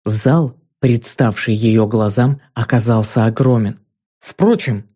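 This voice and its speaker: A man reads a children's fantasy audiobook in a dark, mellow voice at a middle pitch. His telling is measured and dramatic, with every scene read in a steady storytelling flow. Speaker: audiobook narrator. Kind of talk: scripted narration.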